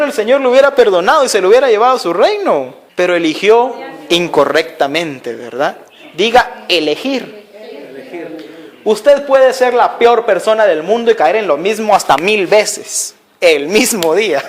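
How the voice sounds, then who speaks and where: A man's voice: sits high, animated, moderate pace. A man preaching a sermon, telling a story and asking his listeners rhetorical questions again and again. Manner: acts out voices of people in the story.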